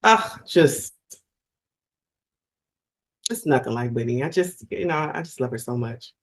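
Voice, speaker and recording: A woman's voice: very deep voice, a little slow. Effusive woman singer in casual chat. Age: middle-aged. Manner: animated, effusive, restarts often. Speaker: guest singer.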